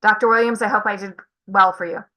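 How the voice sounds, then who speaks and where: An older woman giving halting testimony at a public meeting, with many fillers. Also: medium pitch, steady tone, sharp tone, low-quality recording. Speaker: former student testifying. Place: meeting room.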